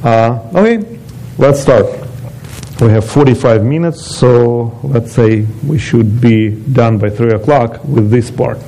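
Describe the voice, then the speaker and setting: Mellow-voiced man from Ukraine giving a testimony. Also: mid-range voice, takes it slowly, low-quality recording. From eastern Ukraine. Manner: non-native phrasing, chatty with asides to the audience. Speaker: guest speaker giving a testimony. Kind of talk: personal testimony talk.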